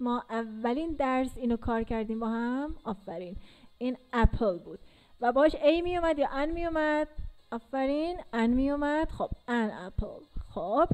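High, mellow-toned woman teacher. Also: poor audio. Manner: patient, repeats and drills pronunciation. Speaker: English teacher. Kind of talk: casual classroom explanation.

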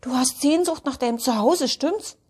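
Woman reads kind storybook elf man of the forest, gentle and inviting, breathy. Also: high-pitched, moderate pace, pitched above the performer's own voice.

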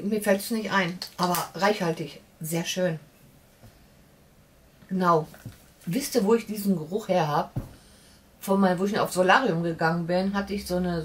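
Picked up on a distant mic with poor audio and slight background noise, a woman's lowish voice moves at normal speed. She is a beauty vlogger in her forties, chatting loosely through a beauty box unboxing in a home room lit by warm lamps, with shelves around her, full of fillers and restarts.

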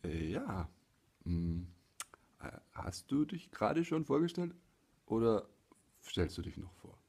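A man in his forties chatting casually to camera in a halting, hesitant way, with a gravelly, husky voice. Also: fairly low pitch, sing-song, dark tone. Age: 40s. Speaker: hobby puppeteer and vlogger. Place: small living room, indoors. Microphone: phone or camera at arm's length.

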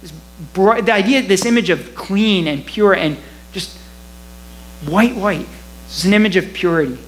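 A man with a rather high voice delivers a sermon from the pulpit. He talks in a loose, conversational way, chuckling now and then. There's a faint hum under his voice. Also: measured pace, low-quality recording. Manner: conversational, animated, laughs often. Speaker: pastor. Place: church.

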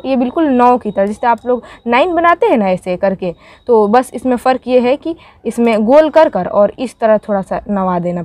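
A woman's voice: a little high, darkish tone, no echo. A woman teaching a beginners' writing lesson, patiently walking students through each letter stroke by stroke and repeating her checks. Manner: patient, repeats "ठीक है" and "आप लोगों का". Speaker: Urdu teacher. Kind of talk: step-by-step handwriting lesson.

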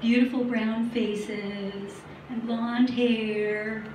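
Deadpan middle-aged woman doing stand-up. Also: fairly high pitch, very slow. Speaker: stand-up comedian. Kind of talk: stand-up comedy set. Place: small studio at a comedy night. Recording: roomy, distant live recording with faint noise.

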